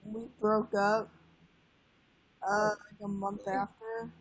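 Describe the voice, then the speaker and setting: A woman's voice: mid-range voice, level tone, slow pace, slight background noise, rough recording. An eighteen-year-old woman chatting casually on a livestream, laid-back and swearing offhandedly. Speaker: livestream guest. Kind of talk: casual chat.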